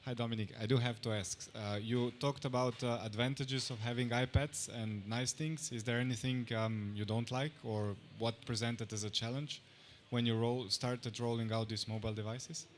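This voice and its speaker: Male audience member questioning a speaker, halting with lots of ums, light background noise. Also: mid-range voice, fairly even intonation. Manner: hesitant, many fillers. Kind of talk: asking questions at a conference.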